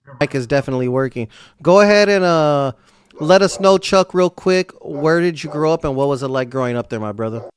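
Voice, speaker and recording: A man's voice: on the high side, expressive, fairly quick, clear, resonant tone. A man hosting a live stream interview, talking in a casual, upbeat, slangy way. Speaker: show host.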